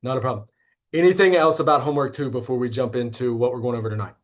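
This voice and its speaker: Teaching an online statistics class over a video call, a man in his thirties speaks fast in a mid-range voice. He's relaxed and keeps checking in with "okay?", and his audio comes through a computer mic.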